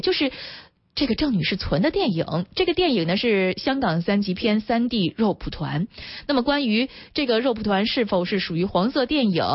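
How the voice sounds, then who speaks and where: A woman's voice: medium pitch, husky, no echo. A woman hosting a radio talk show, chatty and full of rhetorical asides to listeners. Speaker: radio host. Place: radio studio. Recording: dull radio broadcast sound.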